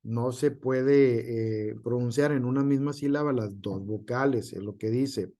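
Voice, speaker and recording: A male teacher lecturing to an online class at a slow, unhurried pace and a middle pitch. He sounds out example words one at a time. He fills his pauses with "este" and keeps checking in with "¿sale?". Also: mellow. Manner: frequent fillers and tag question.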